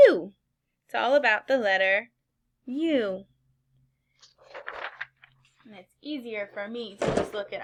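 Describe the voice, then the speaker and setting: A woman with a very bright, fairly high voice leads a lesson for preschoolers. She speaks slowly and simply in the manner of a kids show host, using encouraging prompts, questions and repetition. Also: slight background noise. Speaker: preschool teacher. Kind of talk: children's circle-time lesson with questions, counting and repetition.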